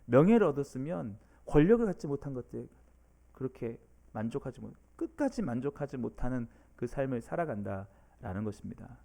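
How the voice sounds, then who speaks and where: Male pastor, early-morning sermon, warm dark tone, earnest and dynamic, swings from loud to low. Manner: earnest preaching, voices imagined inner questions of the listeners.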